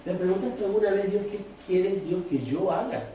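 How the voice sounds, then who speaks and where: A man's voice: high-pitched, moderate pace, warm tone, highs cut off. A man with a Rioplatense Spanish accent preaching a sermon as pastor, questioning his congregation. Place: church hall. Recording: echoey room, distant mic, faint noise.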